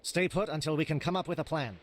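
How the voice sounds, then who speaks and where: An actor playing a terse, exasperated alien infantry captain in a video game, clipped and military in manner. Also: male voice, a little high, fast talker, a little hiss or hum, lightly acted. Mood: brisk, grave.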